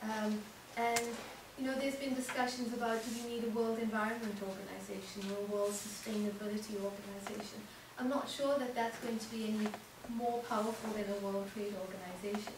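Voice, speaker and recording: A woman's voice: medium pitch, little pitch movement. Woman answering thoughtfully in an echoey room. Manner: measured, thoughtful, many ums. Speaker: panelist. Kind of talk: panel discussion answer. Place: seminar room with audience. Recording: echoey room, distant mic, audible noise.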